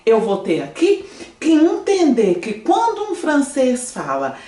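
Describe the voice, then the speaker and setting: A Brazilian French teacher, a woman, gives an online language lesson from a room in front of a screen, keeping things lively and often asking her students whether they're following. Her voice sits high and her pace is slow. The sound is roomy and she's far from the mic.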